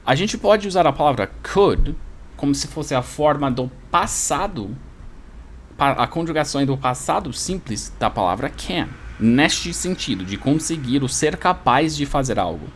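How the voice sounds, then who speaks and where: Lively man teaching a lesson. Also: fairly high pitch, normal speed, slight background noise. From United States. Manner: patient, repeats examples, explains step by step. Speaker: English teacher. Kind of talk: explanatory language lesson.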